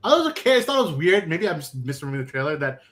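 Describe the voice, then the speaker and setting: A man's voice: fairly high pitch, sing-song, racing, fairly bright tone, a little hiss or hum. Chatty young man hosting a movie stream. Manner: chatty, joking, many fillers. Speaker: podcast host. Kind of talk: casual movie chat on a stream.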